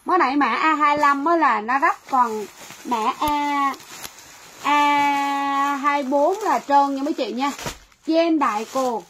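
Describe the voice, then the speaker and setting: A woman's voice: high voice, slow pace, fairly bright tone, low-quality recording. A woman running a livestream sale, talking chattily to viewers and repeating phrases, with faint noise behind her. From Vietnam. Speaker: livestream seller. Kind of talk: livestream sales pitch.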